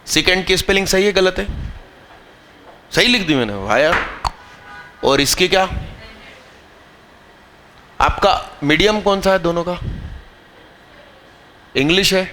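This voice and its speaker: Bright, slow-talking male math teacher. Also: sits high, animated, a little hiss or hum. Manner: scolding, teasing students mid-lesson; questions the class and drills terms slowly. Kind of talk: live classroom lecture.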